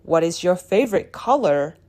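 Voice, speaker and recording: In a scripted drill for beginners, a woman reads out short, plain practice questions for speaking. Her voice is on the low side, expressive and a little mellow, at normal speed.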